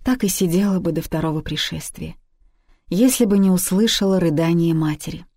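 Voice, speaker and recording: A woman narrating a story as an audiobook reading, steady and even. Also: lowish voice, brisk, dry recording, studio quality.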